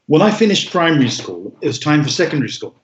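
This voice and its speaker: A man's voice: fairly high pitch, sing-song, fast, a little hiss or hum. Reflective man in an echoey room. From Bangladesh. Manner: reflective, frequent ums and restarts. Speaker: guest. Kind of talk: interview conversation. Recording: echoey room, dull sound.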